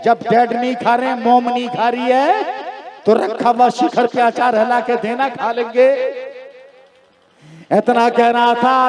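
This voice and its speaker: High-voiced preacher telling a story. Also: male voice, reverberant. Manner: animated storyteller voicing characters, rising to shouts. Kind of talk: storytelling sermon. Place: open-air religious gathering. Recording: crowd noise from a large gathering. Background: crowd.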